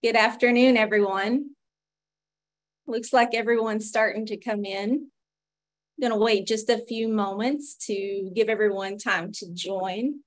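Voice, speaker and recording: A woman's voice: a little high, steady tone, measured pace. Female webinar host, thirties, Appalachian accent, medical presenter on a video call. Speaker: webinar host, physician and pharmacist.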